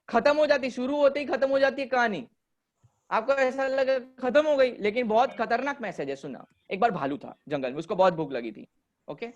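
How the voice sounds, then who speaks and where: Male teacher, high pitch, lively storyteller quizzing students, lo-fi sound. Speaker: commerce teacher. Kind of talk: online class lecture. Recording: dull lo-fi audio.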